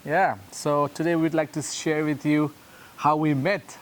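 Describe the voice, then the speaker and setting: Man, halting, noisy recording. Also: fairly high pitch, level tone. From Nepal. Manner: halting, uh fillers. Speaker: pastor trainer. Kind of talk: casual storytelling. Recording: noisy background.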